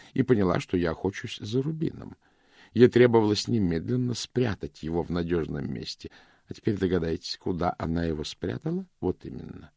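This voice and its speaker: A shrewd middle-aged detective, voiced by a male audiobook reader, speaking in a calm, measured, soft way. The voice is deep and gravelly with a lively melody. The recording is close and dry. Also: no echo, heavily acted. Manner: calm, measured, softly spoken. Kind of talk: audiobook reading.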